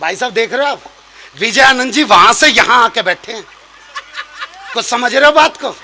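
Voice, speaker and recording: A young man telling a comic story on stage as a comic poet, animated and shouting out his punchlines. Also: very high-pitched, normal speed. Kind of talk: live humorous storytelling on stage. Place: stage at a poetry gathering.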